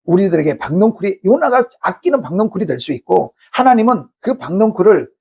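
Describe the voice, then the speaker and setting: A man's voice: sits high, big pitch swings, a little fast, vocal fry, a little mellow, husky. A man preaching a Sunday sermon as pastor in a church, speaking emphatically and firing rhetorical questions at the congregation. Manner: acts out angry complaints to God. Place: church sanctuary.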